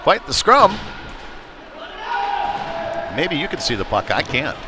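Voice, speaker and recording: A man with a fairly high, sing-song voice announces a hockey game live from the rink, taking his time and slipping in chatty asides between the play-by-play. Background noise and music from the venue speakers fill the live broadcast.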